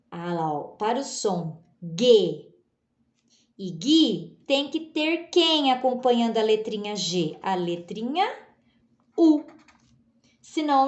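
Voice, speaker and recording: A woman teacher giving a slow, patient spelling lesson, sounding out letters and often checking in with her listeners. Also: high voice. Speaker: literacy teacher. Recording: echoey room.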